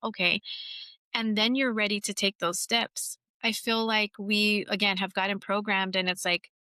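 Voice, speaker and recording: A woman's voice: medium pitch, flat delivery, normal speed, sharp tone, clear, resonant tone, no room sound. A woman in her forties hosting a podcast, talking frankly and casually, cursing now and then. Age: 40s. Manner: frank and chatty, swears casually. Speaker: podcast host. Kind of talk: casual conversational interview.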